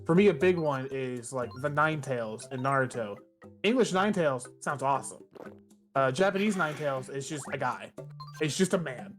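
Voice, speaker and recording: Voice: mid-range voice, animated, brisk. A blunt, opinionated streamer who swears often while chatting casually on a gaming stream. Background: game music.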